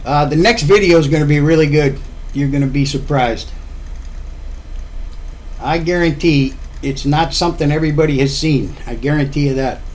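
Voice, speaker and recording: A man from Florida chats about his home cooking for a vlog, rambling and circling back to repeat his points. His voice sits slightly high for a man. The talk is loose and unscripted, like explaining over the kitchen counter. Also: normal speed, a little mellow. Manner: rambling, chatty, repeats himself. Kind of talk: casual cooking talk to camera.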